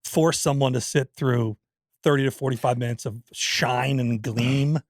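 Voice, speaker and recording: A man's voice: medium pitch, fairly even intonation, a little slow, no echo, studio quality. A man co-hosting a podcast in casual banter, jokey and self-deprecating, reading listener mail aloud. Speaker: podcast co-host.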